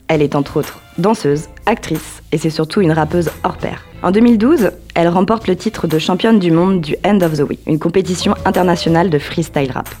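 A woman's voice: lowish voice, darkish tone. A young woman presenting a scripted radio music column, talking to her listeners directly and with enthusiasm. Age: young adult.

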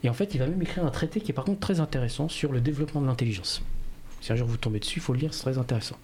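A man's voice: medium pitch, racing, darkish tone, a little hiss or hum. A man, a radio columnist explaining at length, with many fillers. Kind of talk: radio talk segment.

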